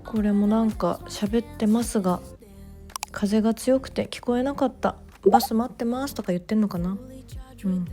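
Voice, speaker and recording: A woman narrating her vlog in a relaxed voice-over, chatty and gently enthusiastic, with soft fillers. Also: mid-range voice, normal speed, faint music behind. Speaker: bookstore owner vlogger.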